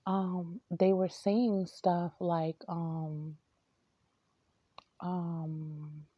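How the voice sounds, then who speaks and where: A woman spiritual reader telling a story to camera, hesitant and halting, often repeating words and trailing off. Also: lowish voice, little pitch movement, no echo, lo-fi sound.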